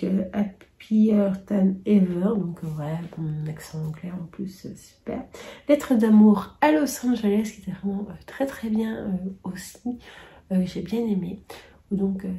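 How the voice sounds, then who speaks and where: A woman's voice: medium pitch, gravelly, dark tone. A middle-aged woman chatting casually to camera about her favourites, hesitant and full of fillers, often trailing off into near-whispers. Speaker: booktuber sharing yearly favourites.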